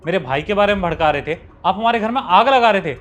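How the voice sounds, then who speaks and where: A man's voice: sits high, lively intonation, fast, fairly bright tone, soft background music. A man playing a protective son-in-law who firmly rebukes his wife's mother. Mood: reproachful. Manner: firm, reproachful. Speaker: husband character. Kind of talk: family drama acting.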